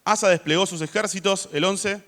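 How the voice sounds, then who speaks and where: A man preaching a sermon in church, chatty in tone and rising to loud emphasis when he reads scripture. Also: high-pitched, normal speed.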